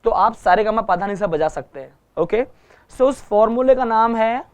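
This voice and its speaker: A man's voice: sits high, lively intonation, moderate pace, clear, resonant tone. A man teaching a guitar lesson, patiently repeating each point and checking that everyone follows. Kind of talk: online music lesson.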